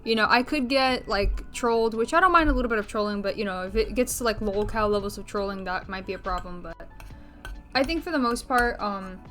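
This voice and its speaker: A woman's voice: mid-range voice, fairly quick, a bit bright, soft background music. A woman vlogging in a casual, rambling way, a bit out of breath, full of filler words, restarts and blunt swearing. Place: bedroom.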